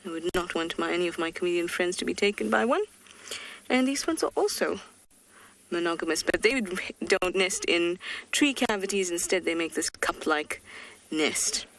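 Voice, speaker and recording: A woman's voice: lowish voice, lively intonation, moderate pace, fairly bright tone. A woman guiding a live safari outdoors, chatty and playful as she describes birds. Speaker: safari guide. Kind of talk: live wildlife commentary. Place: outdoors in the bush.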